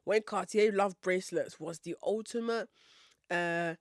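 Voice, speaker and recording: A woman's voice: lowish voice, unhurried, no echo, studio quality. A young woman from Nigeria hosting a podcast, telling a story in a playful, sassy, confident way. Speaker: podcast host. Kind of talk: casual storytelling monologue.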